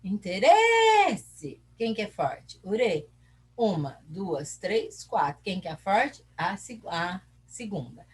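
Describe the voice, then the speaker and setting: A woman's voice: on the low side, lively intonation, slow, darkish tone, husky. A Brazilian woman teacher explaining a lesson, asking her own questions and answering them while stretching out syllables. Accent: Brazilian Portuguese. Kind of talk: recorded class lesson.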